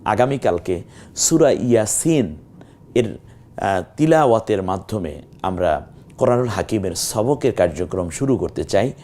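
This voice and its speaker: A man leads a televised Quran reading lesson, his voice low and mellow. He asks and answers his own questions as he explains each rule, stretching the vowels out slowly when he shows how a word is read. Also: animated. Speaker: Quran teacher.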